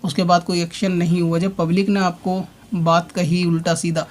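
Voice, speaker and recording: High-pitched, flat-voiced man arguing a rebuttal. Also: a little hiss or hum. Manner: argumentative, addresses his opponent directly; explains at length with repeated points. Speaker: religious online commentator. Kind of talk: spoken rebuttal monologue.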